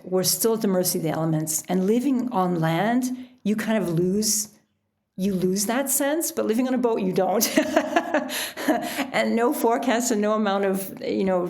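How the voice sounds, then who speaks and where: Creaky and a little mellow, her lowish voice carries a relaxed, reflective conversation as an interview guest. She's an author and sailor who chuckles frequently as she talks.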